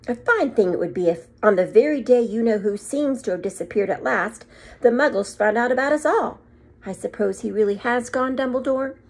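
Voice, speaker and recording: A stern older witch professor from a storybook , acted by a woman reading aloud. She is exasperated and emphatic, her pitch leaping high and swinging widely, with a slightly husky edge. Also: lively intonation, fairly quick. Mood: impatient, indignant. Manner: emphatic, indignant.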